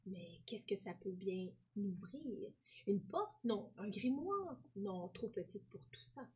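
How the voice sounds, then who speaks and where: A woman with a Québécois French accent reading a young boy's lines aloud from a pupil's story, softly and quietly. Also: on the high side, big pitch swings, unhurried, husky, heavily acted. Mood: puzzled.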